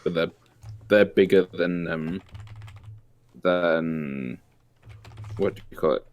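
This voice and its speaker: A man's voice: sits low, slow pace. A British man in his thirties in casual chat, hesitant, with many fillers. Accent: British English. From England. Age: 30s. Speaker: podcast co-host.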